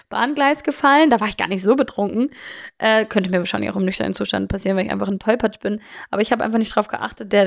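A woman's voice: fairly high pitch, creaky. A young woman telling candid, self-deprecating stories about herself in casual talk, with many fillers and restarts. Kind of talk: casual personal storytelling.

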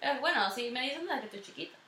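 A Venezuelan woman co-hosting a casual podcast, talking in a quick, emphatic way. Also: high voice, animated, sharp tone, a little hiss or hum. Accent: Venezuelan Spanish. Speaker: podcast co-host. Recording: echoey room, sits far from the mic.

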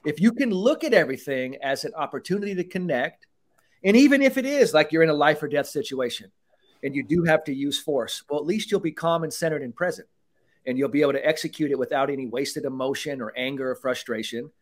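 The voice is a man's, pitched a little higher than most men's, and it comes across lively and loose in a casual podcast chat. He swears freely and keeps slipping into little acted-out voices of other people as he makes his points. He talks like a coach who is walking police officers through the mental side of the job. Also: quick pace.

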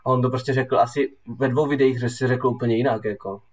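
Relaxed man talking casually, a bit off-mic. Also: mid-range voice, recorded from a distance. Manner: relaxed, drawn-out storytelling with many fillers. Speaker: football podcast co-host. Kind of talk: casual chat.

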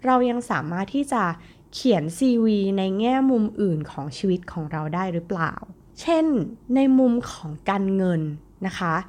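A woman's voice: mid-range voice, expressive, moderate pace, a little mellow. Chatty woman podcast host. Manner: chatty, addresses listeners directly with polite particles. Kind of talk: casual solo podcast talk.

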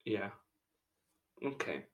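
A man co-hosting a podcast in casual chat, taking a quiz, chatty and often hesitant. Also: extremely slow. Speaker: podcast co-host, quiz contestant.

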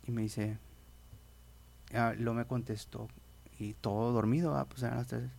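A young guest from Mexico, speaking with a Mexican Spanish accent, rambles casually through a personal faith testimony, often restarting and saying "brother". His voice is medium-pitched, steady, a little slow, gravelly, and a little mellow.

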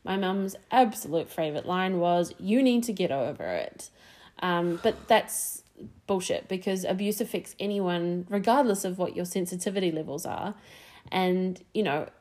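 A woman's voice: on the low side, expressive, normal speed, darkish tone. A young woman with a New Zealand accent, chatting casually as a podcast host, full of fillers and restarts.

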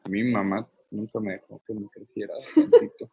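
Easygoing man, raspy voice, laughs easily in casual chat. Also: on the low side, steady tone, a little fast, phone-quality sound.

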